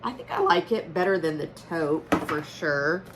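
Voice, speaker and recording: An Oklahoma, USA direct-sales consultant who hosts her own channel unboxes products casually at home, congested from allergies but chatty, upbeat, and folksy. Her voice is low-pitched with lively intonation and an unhurried pace. Background noise comes through, including a loud air conditioner.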